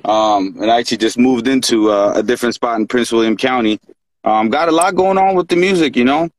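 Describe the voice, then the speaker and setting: A man from Pakistan chats easily as a guest, his voice sitting at an ordinary middle pitch. He talks in a relaxed, easygoing way, and the sound is dry and close, coming over a video call. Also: fairly quick, no echo, low-quality recording. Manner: relaxed, easygoing, says "you know" and "man" often. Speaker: rapper guest. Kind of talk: casual chat on a livestream.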